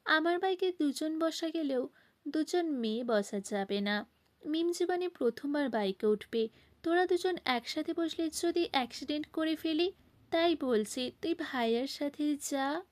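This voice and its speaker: A woman's voice: sits high, expressive, measured pace. A woman reading as a harried young brother. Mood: pleading. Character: young man, harried older brother caught between two angry siblings.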